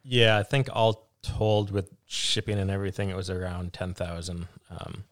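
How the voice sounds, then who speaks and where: A man, a vegetable farmer, answering interview questions in a relaxed, hesitant way with many fillers and restarts. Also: low voice, normal speed.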